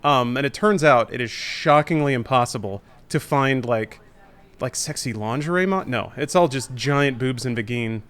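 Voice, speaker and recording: A man's voice: medium pitch, moderate pace, a bit bright, smooth. A man co-hosting a podcast, telling a story in a wry, casual way. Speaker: podcast co-host. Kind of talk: casual chat.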